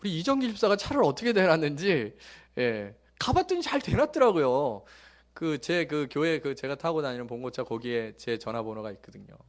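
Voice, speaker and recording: A middle-aged male pastor preaching a sermon, telling jokey stories that swing from loud bursts to hushed asides. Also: fairly high pitch, brisk. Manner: lively, joking storytelling with sudden loud bursts and hushed asides.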